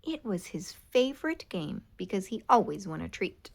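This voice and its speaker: A woman reading a children's picture book aloud in an expressive, animated way. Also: mid-range voice, normal speed, creaky. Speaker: storybook reader. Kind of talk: children's read-aloud narration.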